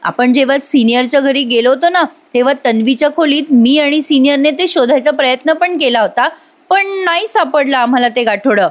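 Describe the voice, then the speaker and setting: A woman reading the part of a calm, caring young husband who reasons things out aloud, with her voice a little raised. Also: high-pitched, a little fast, lightly acted. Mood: earnest. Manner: reassuring, thinking aloud.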